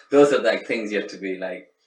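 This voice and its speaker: A middle-aged Sri Lankan man with a lowish voice speaks at a moderate pace in a casual, reflective interview, often restarting and using fillers. The mic sits at a distance in an echoey room with faint background noise.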